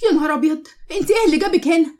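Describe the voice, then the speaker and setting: A woman's voice: high-pitched, racing, darkish tone, natural voice. Samah, bitter young daughter, put on by a woman. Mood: sharp. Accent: Egyptian Arabic.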